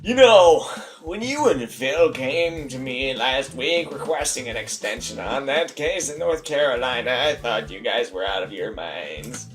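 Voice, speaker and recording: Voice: medium pitch, animated, measured pace, faint music behind. Someone doing a blunt old police chief. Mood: matter-of-fact. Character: blunt middle-aged male police chief. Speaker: game player voicing a character. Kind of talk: let's play voice acting.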